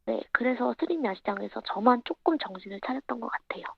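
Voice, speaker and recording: A young woman speaking as an interview guest over a remote line, her voice disguised by a pitch-changing filter, answering in a quiet, measured way. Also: expressive, gravelly, breathy edge, dry recording. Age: young adult. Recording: dull, muffled remote line.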